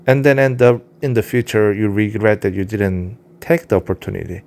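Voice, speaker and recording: A man with a Korean accent, a vlogger and self-published writer who speaks English as a second language, rambles candidly to his cat in a casual monologue. His voice is fairly low, steady and a little mellow, at a moderate pace, and he fills it with frequent fillers and restarts.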